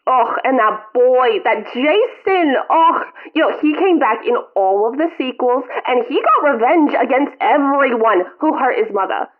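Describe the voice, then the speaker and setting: A woman plays a melodramatic elderly mother calling her son from a retirement home, heard over a phone line, nagging and laying on the guilt. Her high-pitched, expressive voice moves a little slowly with hardly any pauses, and her manner is whiny and self-pitying.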